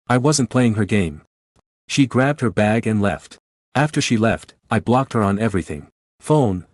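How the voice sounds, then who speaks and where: A man narrating a first-person online story in a steady, blunt way. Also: fairly low pitch, dry recording, clean studio sound.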